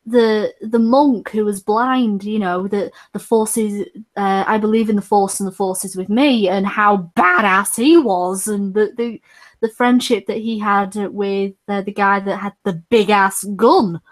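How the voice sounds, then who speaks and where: A woman's voice: medium pitch, unhurried. A woman in her twenties chatting casually on a stream, rambling with frequent laughs. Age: 20s. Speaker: streamer hosting a chat.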